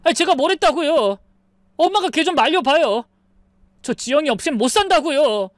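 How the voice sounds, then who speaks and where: A woman voicing a hot-tempered adult son who whines and yells in shrill, petulant outbursts. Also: expressive, fairly quick, dry recording. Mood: pleading.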